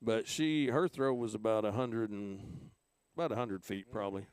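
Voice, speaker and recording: A man from Oklahoma calling play-by-play for a local high school softball game in a relaxed, conversational way. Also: normal speed, clear, resonant tone, dry recording. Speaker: play-by-play announcer.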